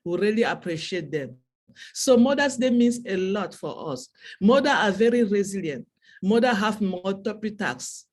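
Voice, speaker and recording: Speaking animatedly at a moderate pace, this woman addresses an online audience in a heartfelt webinar speech, repeating phrases to stress them. She is Cameroonian, French is her first language, and her mid-range voice carries a Cameroonian French accent.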